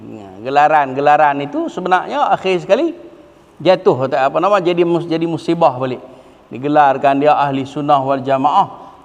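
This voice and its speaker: A man preaching a lively religious lesson, asking rhetorical questions and quoting Arabic scripture. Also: a little high, big-room sound. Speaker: religious teacher. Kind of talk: sermon. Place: religious hall.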